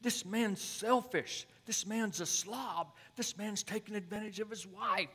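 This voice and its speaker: A man's voice: sits high, unhurried, husky, voice pushed up, exaggerated voice. A man playing a brash, judgmental young preacher. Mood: indignant. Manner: loud, blunt and indignant. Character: brash young male pastor, quick to judge. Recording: long hall reverb.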